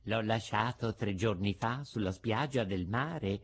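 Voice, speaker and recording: Brief: man playing a calm, plain-spoken big pigeon in a storybook. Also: fairly low pitch, unhurried, slightly rough, pitched below the performer's own voice. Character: large male pigeon, calm and helpful. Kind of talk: storybook reading.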